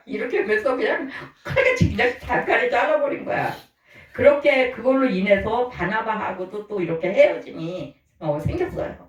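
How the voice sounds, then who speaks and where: Chatty woman pastor in an echoey church. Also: on the high side. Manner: chatty, often checks in with the listeners with a questioning "yes?". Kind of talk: conversational sermon. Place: church sanctuary. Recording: echoey church room, mic at a distance.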